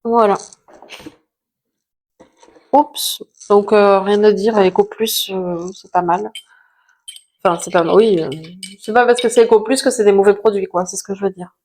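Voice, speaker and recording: A woman's voice: mid-range voice, steady tone, unhurried, long pauses, darkish tone. A woman chatting casually to camera about used-up products, self-mocking, with lots of fillers. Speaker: vlogger reviewing finished products.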